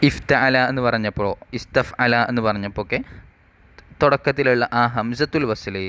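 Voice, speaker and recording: A man teaching an Arabic grammar lesson, reading rule text slowly and then explaining it, asking questions and answering them himself. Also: mid-range voice, fairly bright tone.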